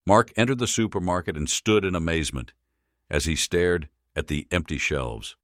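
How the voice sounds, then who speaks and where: A man narrating an audiobook in a measured, deliberate reading. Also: low voice, a bit bright, no room sound, studio quality. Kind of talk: scripted narration.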